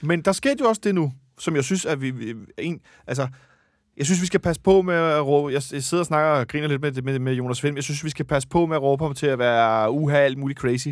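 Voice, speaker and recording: A man's voice: a little high, dry recording, studio quality. A man hosting a casual fan chat about a football match, rambling and correcting himself as he goes. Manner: chatty, rambling, self-correcting. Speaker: football podcast host.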